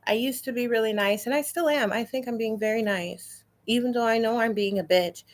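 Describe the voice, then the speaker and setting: A woman's voice: fairly high pitch, a little fast. A woman delivering an indignant, profanity-filled rant straight to the camera. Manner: swearing, indignant, emphatic. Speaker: vlogger.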